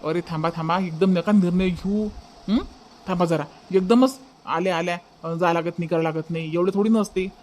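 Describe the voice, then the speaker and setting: A man voicing a caring young brother in a cartoon dub, with a Varhadi Marathi accent, questioning and calming his family. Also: high voice, normal speed, slight background noise, natural voice. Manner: surprised questioning, then calming. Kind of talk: cartoon dubbing.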